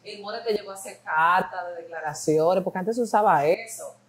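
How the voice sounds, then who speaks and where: A woman's voice: mid-range voice, brisk. A woman hosting a casual interview, chatty and prompting her guest with questions. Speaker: interview host. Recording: echoey room.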